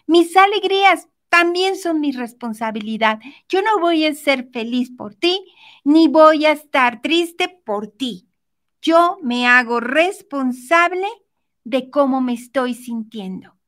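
A woman giving a motivational self-help talk, speaking gently and directly to the listener. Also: high-pitched, animated, takes it slowly.

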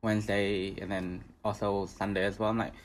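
A man's voice: on the low side, level tone, a little fast. A young man from Vietnam who performs drag, speaking as a guest in casual chat, joking and loose with lots of fillers.

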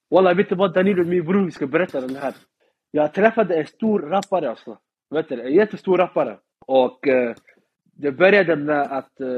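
A man's voice: a little high, breathy edge, poor audio. A young man from Sweden with a Swedish street-slang accent, telling a story in casual chat and acting out the people in it. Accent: Swedish suburban street slang. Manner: animated, slangy, mimics people in English. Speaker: guest storyteller.

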